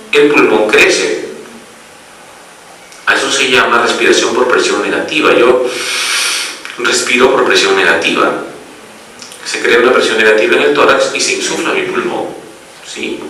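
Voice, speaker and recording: A man's voice: medium pitch, bright, forceful tone, heavy reverb, distant mic, a little hiss or hum, low-quality recording. A man giving a medical lecture as a pediatric doctor, explaining step by step and often checking that the audience follows.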